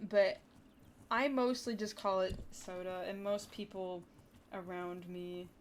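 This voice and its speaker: Here a young woman with a Wisconsin accent rambles to her livestream viewers in a casual chat, leaning heavily on "like" and "dude." Her voice is medium-pitched, with a little hiss or hum audible.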